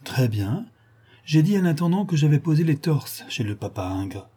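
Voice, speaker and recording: A man's voice: a little high, very animated, normal speed, dark tone, breathy edge, voice pushed up. A man voicing a scornful, vengeful young woman, an ex-model, mocking and menacing. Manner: mocking, then bitter and menacing.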